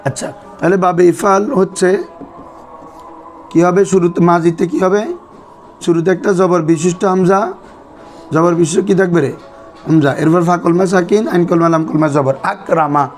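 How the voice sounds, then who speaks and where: High-voiced man teaching Arabic grammar. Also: fairly even intonation, moderate pace, pauses often, soft background music. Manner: quizzes students with repeated questions. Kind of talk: classroom lesson.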